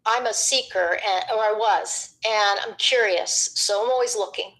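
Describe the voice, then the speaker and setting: A middle-aged woman, a former radio DJ, talking as a guest in a rambling, animated way, acting out what people said to her. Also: medium pitch, normal speed, low-quality recording. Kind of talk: reflective conversational chat.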